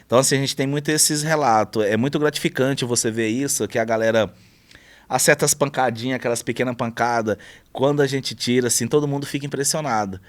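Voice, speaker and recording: A man's voice: mid-range voice, quick pace. Chatty man telling shop stories. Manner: storytelling, animated when telling anecdotes. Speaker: car wrap shop owner. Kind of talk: casual interview chat.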